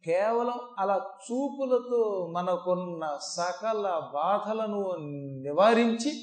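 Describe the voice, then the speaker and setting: A man with a fairly high voice delivers a devotional discourse on scripture. He tells it in an animated way, shifting his voice to dramatize the verses, and his voice carries with a roomy echo. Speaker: Puranic discourse speaker. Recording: echoey hall recording.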